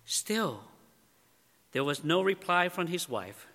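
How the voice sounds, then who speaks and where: A man preaches a sermon at a very slow, deliberate pace, his voice falling quiet for solemn moments. His tone is bright and slightly high. Long reverb fills the large church around him. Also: lively intonation. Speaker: pastor.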